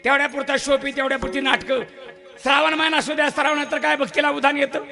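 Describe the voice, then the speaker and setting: A man delivers a comic folk sermon to a village crowd, loud and preachy. His voice is very high, bright and gravelly, with faint music behind him. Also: flat delivery, fast. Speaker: bharud folk performer.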